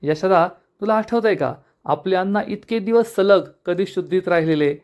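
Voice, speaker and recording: A happy young brother speaks with gratitude and relief. A man reads him in a recap voice pitched slightly high. The tone stays cheerful. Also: normal speed, a little mellow, natural voice. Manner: happy, grateful.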